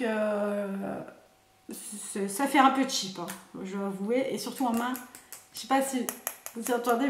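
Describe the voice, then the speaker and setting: A woman's voice: high-pitched, echoey room. A woman, chatting through a makeup unboxing, thinking aloud with many fillers. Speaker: beauty vlogger. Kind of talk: casual product unboxing and swatching.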